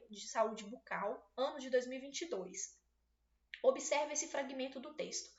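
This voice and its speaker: A woman teacher with a high voice leads an exam-prep video lesson. She explains each step patiently and keeps checking that her students follow. The sound is roomy and a little dull. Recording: roomy, slightly dull recording.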